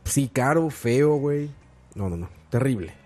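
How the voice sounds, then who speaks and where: A man's voice: medium pitch, lively intonation, measured pace, darkish tone. A man chatting casually on a podcast, joking and laughing often. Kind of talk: casual chat. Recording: crowd noise behind.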